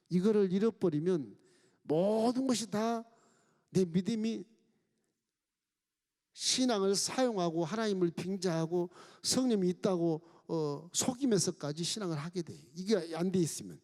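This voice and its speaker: A man's voice: on the high side, darkish tone. A man preaching a sermon as a pastor, with sudden rises and falls in his voice. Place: large church hall. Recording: long church hall reverb.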